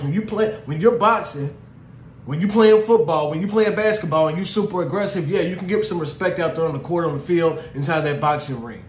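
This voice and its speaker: A young man with a slightly raised voice speaks earnestly and casually, filling his talk with "man" and "you know". The room has a noticeable echo, and a faint hum of ambience sits underneath. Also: fairly high pitch. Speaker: podcast host. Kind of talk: casual monologue on relationships.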